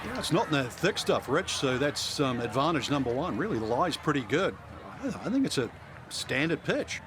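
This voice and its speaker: A man's voice: a little high, sing-song, moderate pace. A man playing a golf commentator in a video game, giving conversational, explanatory analysis. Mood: analytical. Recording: outdoor course ambience and crowd noise. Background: outdoor crowd ambience.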